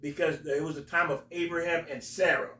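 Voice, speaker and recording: A man's voice: a little high, fairly even intonation, bright, forceful tone. Man telling stories in an echoey room. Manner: halting, emphatic storytelling. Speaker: host, religious teacher. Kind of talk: casual explanatory talk. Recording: roomy echo, distant from mic.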